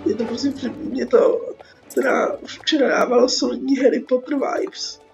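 A young Czech-accented woman with a cold hosts a gaming video, commenting casually in a rambling, slangy, sarcastic way. Her voice is on the high side, steady, gravelly and slightly mellow, heard as a dull lo-fi track over game music.

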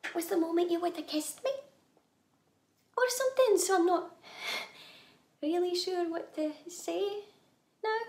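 An actress with a Scottish accent performing a dramatic monologue as a nervous young woman who proposes to her flatmate, talking in a hesitant, halting way with nervous laughs. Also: very high-pitched, roomy sound, heavily acted. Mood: nervous, hopeful. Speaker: actor.

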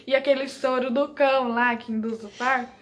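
Uma jovem mulher brasileira, vlogueira, contando em tom casual e animado uma experiência pessoal, rindo muitas vezes e imitando diálogos. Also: female voice, sits high, fairly quick, dull audio. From Brazil. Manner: animated, laughs often, quotes people in dialogue. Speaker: vlogger. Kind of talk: casual storytelling.

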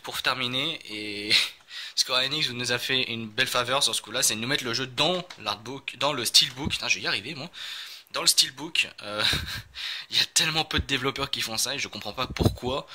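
A man's voice: mid-range voice, pushed and bright. A man chatting casually as he unboxes a game, rambling with many fillers and self-corrections.

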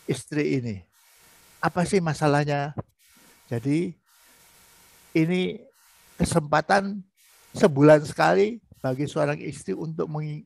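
A man teaches a sermon-style lesson on married life in a fairly high, gravelly voice. He sometimes slips into raised voices to act out spouses bickering. The sound is dry and close. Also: dry recording.

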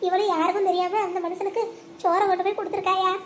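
A high-voiced performer voicing an older village mother who pleads and wails for her jailed daughter. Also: level tone, fast, a little hiss or hum. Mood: pleading. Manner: wailing, pleading.

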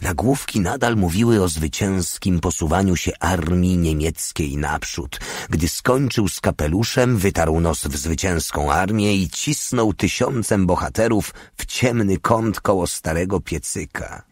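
A man reading a war novel aloud as a steady audiobook narrator, voicing each character himself. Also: sits low, a little slow, hardly any pauses, no room sound, studio quality. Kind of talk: scripted narration.

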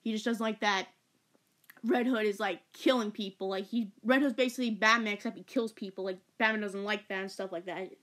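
A young woman talks through a movie review in a loose, rambling way, stacking fillers and tripping over her words in her excitement. Her voice sits at an ordinary middle pitch. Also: a little fast. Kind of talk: casual video review.

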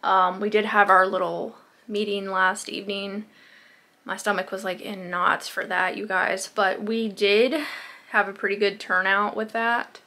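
A woman, chatting casually to the camera in a day-in-the-life vlog. She rambles and often fills pauses with "um" and "like", and she is recorded close to a phone camera in a small bedroom. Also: mid-range voice, flat delivery, bright, forceful tone. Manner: chatty and rambling, with frequent fillers like "um" and "like". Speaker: lifestyle vlogger. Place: small bedroom at home, indoors.

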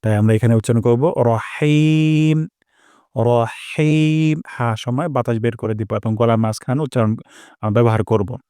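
A man teaching a pronunciation lesson for recitation, explaining calmly and stretching each sound out slowly as he demonstrates. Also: mid-range voice, clean tone, no room sound, clean studio sound. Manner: slow, drawn-out demonstrations of each sound, repeated.

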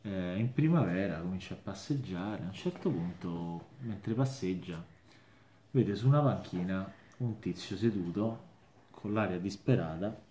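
A man telling a long joke, unhurried and animated, slipping into voices for the characters. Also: low-pitched. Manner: unhurried, lively storytelling, shifts into character voices. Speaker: joke teller. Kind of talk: storytelling a joke. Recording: roomy echo, faint noise.

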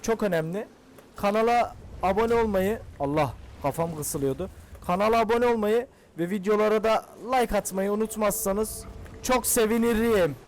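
A young man hosting a gaming channel, giving excitable casual commentary and shouting at the game characters. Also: sits high, slight background noise.

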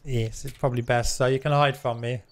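A man's voice: mid-range voice, fairly even intonation, brisk. A man giving casual, chatty live gameplay commentary with some teasing. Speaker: game streamer.

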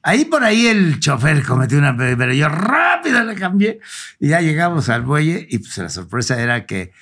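A man's voice: fairly high pitch, wildly swooping pitch, moderate pace, fairly bright tone. A man, a podcast guest telling a long anecdote in a casual way and acting out both sides of the dialogue. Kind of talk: casual storytelling.

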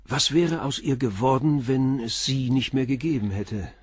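This male actor's medium-pitched voice has a breathy edge and sounds natural, recorded clean in a studio with no echo. He plays a calm, persistent middle-aged commissioner in a German crime radio play, probing with measured, blunt questions.

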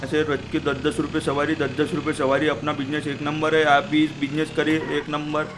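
A man giving comic gameplay commentary, joking in a playful street-seller way with sudden shouted calls. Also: on the high side, monotone, fairly quick, background noise. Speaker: gaming channel host. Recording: loud game sounds under the voice.

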